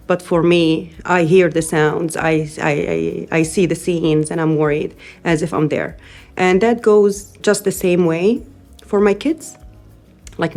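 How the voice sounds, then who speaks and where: Soft-spoken Syrian woman, earnest and halting. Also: on the low side. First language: Arabic. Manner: earnest, thoughtful, frequent hesitations. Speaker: interviewee, newcomer parent. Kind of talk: interview testimony.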